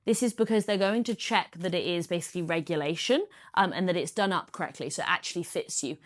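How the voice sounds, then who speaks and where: A woman's voice: lowish voice, fast talker. A woman, talking through her triathlon kit in a casual how-to vlog, chatty and practical. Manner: chatty, practical, explains step by step. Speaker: triathlete vlogger.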